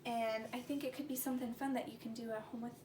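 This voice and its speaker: A woman with a fairly high voice speaks quickly in a steady tone, hosting a preschool story time. She talks to young children like a sing-song teacher, reading aloud and asking simple questions. The recording sounds roomy, with a distant mic and faint noise.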